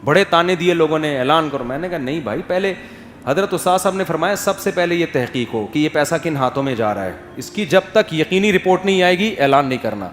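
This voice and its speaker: A man delivers a sermon with a slightly high voice, shifting between emphatic, pointed questions and soft, hushed asides. The sound is roomy, with a long hall reverb and faint ambience underneath. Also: slight background noise. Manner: animated, rises to emphatic questions, drops to soft quotes. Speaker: Islamic scholar giving a talk.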